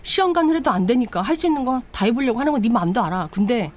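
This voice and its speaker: A woman's voice: on the high side, expressive, rapid-fire, pitched above the performer's own voice. Brief: cheating husband, cool and defensive, near the teller's own tone, read by a woman. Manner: defensive, matter-of-fact.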